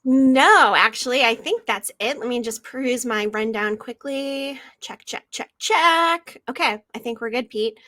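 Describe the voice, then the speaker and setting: A woman co-hosting a casual podcast news segment, chatty and upbeat and quick to laugh. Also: a little high, pushed and bright, no room sound, studio quality. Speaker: co-host presenting entertainment news.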